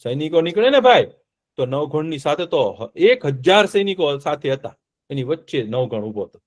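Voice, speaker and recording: Male storyteller, high voice, keeps the kids involved with questions. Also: moderate pace. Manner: lively, asks the children questions as he tells. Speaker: storyteller for children. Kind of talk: telling a folk tale to children in an online class.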